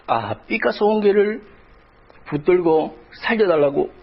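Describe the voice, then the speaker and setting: A man's voice: sits high, big pitch swings, unhurried, dull audio. A middle-aged male pastor preaching a sermon, telling a personal story with emotion that rises toward crying out in prayer. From South Korea.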